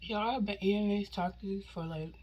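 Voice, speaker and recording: A woman with a mid-pitched voice talks casually to her viewers during a mukbang. She is informal and slangy, and often drops into soft, near-whispered asides. There is some background noise in the recording. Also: moderate pace, rough recording. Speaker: mukbang host eating on camera. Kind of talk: casual mukbang chat to viewers while eating.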